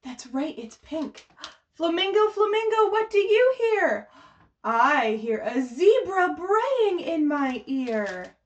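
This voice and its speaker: A high-voiced children's librarian leads a baby storytime, taking her time with sing-song, child-directed phrasing and big pitch swings at a slow pace. She reads a picture book aloud and coaches babies and parents with simple, encouraging exclamations. The sound is lo-fi.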